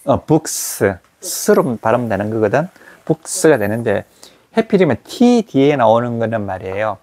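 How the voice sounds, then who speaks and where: A man teaching an English grammar class, repeating English words slowly to model their sounds for students in a small classroom. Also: mid-range voice, sing-song, a little mellow.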